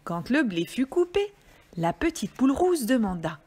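A woman, a kindergarten teacher, reading a storybook aloud to young children in a gentle, expressive way. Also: on the high side, moderate pace, breathy edge.

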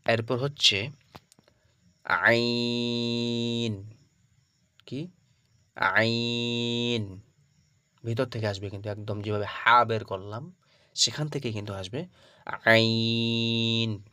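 A man teaching the Arabic alphabet for Quran reading. He calls out each letter loud and drawn out, then explains it softly, checking in with his listeners after every point. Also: on the low side, normal speed, no room sound. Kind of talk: Arabic alphabet pronunciation lesson.

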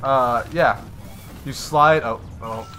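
A young man chatting easily and reacting to a video game with quick remarks as a co-host. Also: medium pitch, pushed and bright, soft background music. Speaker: gaming channel co-host. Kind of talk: casual gameplay commentary.

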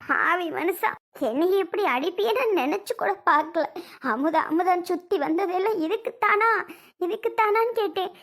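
Young wife in a family skit: very high, shrill, defiant, tearful; a woman plays her. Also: moderate pace, fairly bright tone. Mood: wailing.

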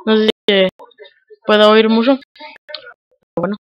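A man with a Mexican accent giving casual gameplay commentary over a headset, muttering quietly to himself in slang with sudden excited outbursts. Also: sits high, measured pace, lo-fi sound. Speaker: gamer.

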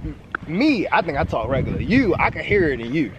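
A man's voice: on the high side, big pitch swings, a little fast, dull audio, crowd noise. A young man with a Baltimore accent chatting casually with a friend outdoors, laid-back and slangy. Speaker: vlogger's friend. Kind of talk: casual chat. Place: outdoors in a residential neighborhood.

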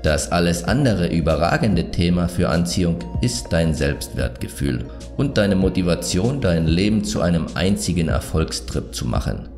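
A man narrating a scripted self-improvement video, giving advice in a calm, measured, self-assured way. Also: low-pitched, soft background music.

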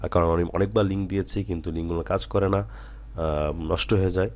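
A man teaching Quran letter reading, slowly reciting drills and then explaining with patient, earnest repetition. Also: low voice, steady tone, a little mellow.

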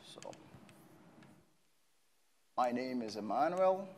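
A man in his thirties from Brazil, lecturing on a lapel mic in a large empty lecture hall, friendly and halting with fillers as he writes on the board. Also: mid-range voice, lively intonation, a little hiss or hum. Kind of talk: university lecture.

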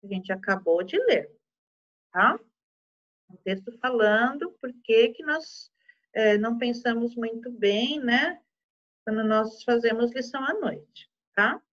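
A woman with a Brazilian Portuguese accent teaches a class for young children in a high, gentle voice. She talks patiently and softens her words as she checks in with the class. The recording sounds slightly dull and lo-fi. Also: animated, slow. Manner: gentle, patient, uses diminutives and checks in often.

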